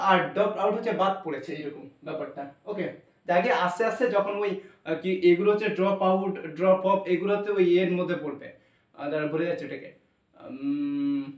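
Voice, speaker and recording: A man with a Bengali accent gives a spelling and pronunciation lesson, talking through each step with little fillers. His voice sits high. It reaches the mic from across an echoey classroom. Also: recorded from a distance. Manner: explains step by step, spells words letter by letter with fillers. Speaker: English teacher.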